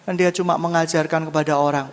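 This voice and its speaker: A male pastor preaching a sermon, swinging between loud high exclamations and low hushed asides. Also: little pitch movement, quick pace, long reverb tail.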